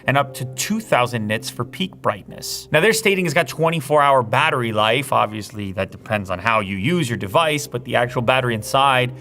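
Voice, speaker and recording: Man doing a brisk tech review. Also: mid-range voice, expressive, bright, forceful tone, faint music behind. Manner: brisk, spec-listing, explanatory. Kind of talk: hands-on product review.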